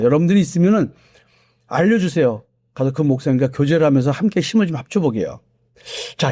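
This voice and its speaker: Middle-aged male pastor, sermon delivery, slightly high, dark-toned voice, dry close sound, emphatic. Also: dry recording. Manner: earnest, emphatic preaching with slowed, stressed key words.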